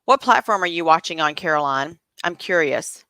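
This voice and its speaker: Bright-voiced woman hosting live. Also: deep voice, expressive, moderate pace, dry recording. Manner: chatty, troubleshooting aloud. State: talking with a cough drop in her mouth. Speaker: livestream host. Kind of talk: casual live interview.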